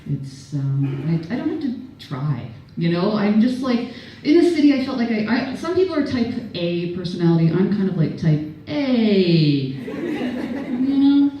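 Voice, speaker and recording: A woman's voice: medium pitch, big pitch swings, measured pace, mellow, dull audio, a little hiss or hum. A Canadian woman doing a stand-up set at an event, rambling and self-deprecating, laughing at her own jokes. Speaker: stand-up comedian. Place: event venue, audience laughter behind. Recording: echoey room from far off.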